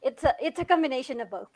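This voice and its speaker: A young woman in her late twenties with a high, light voice talks through her story in a relaxed podcast interview. She is chatty and giggles often. She circles back with little restarts and fillers. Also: quick pace, rough recording. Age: 20s. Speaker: guest filmmaker.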